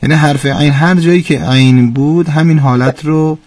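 A man's voice: fairly high pitch, fairly even intonation, darkish tone, no echo. A man teaching Quran recitation on a radio call-in show, patiently correcting a caller's pronunciation step by step.

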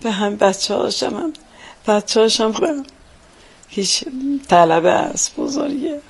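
An older woman, mother of fallen soldiers, recalling her loss in halting, tearful speech. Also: a little high, animated, vocal fry, slightly rough. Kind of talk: emotional interview recollection.

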